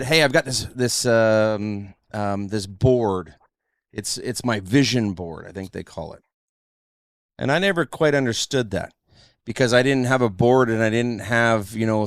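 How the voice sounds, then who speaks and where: Brash, profane man with a smooth voice. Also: lowish voice, moderate pace, dry recording, clean studio sound. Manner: brash, profane, animated storytelling. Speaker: podcast host. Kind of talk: casual podcast chat.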